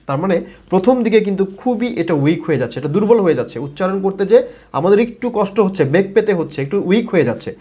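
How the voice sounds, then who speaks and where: Fast-talking male pronunciation teacher. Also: sits high, dark tone, breathy edge. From Bangladesh. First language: Bengali. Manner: fast, repetitive teaching with fillers and modeled words. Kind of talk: explanatory video lesson.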